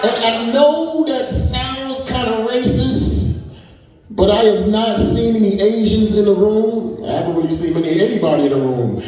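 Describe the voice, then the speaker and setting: At a comedy venue, a high-voiced man in his 40s keeps a moderate pace while doing crude, brash stand-up with the audience. Audience laughter roars in the background, and the distant mic catches a loud crowd and plenty of hall echo.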